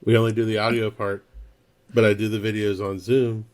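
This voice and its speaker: A man's voice: fairly low pitch, little pitch movement, fairly quick. A man talking casually as a guest on a podcast, telling stories and laughing often. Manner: chatty storyteller, laughs often. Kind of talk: casual chat.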